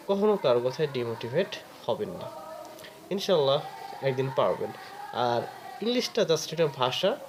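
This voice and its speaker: Earnest man giving encouragement, noisy recording. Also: on the high side. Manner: earnest, encouraging, with drawn-out fillers. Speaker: vlogger giving advice. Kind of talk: casual talk to camera.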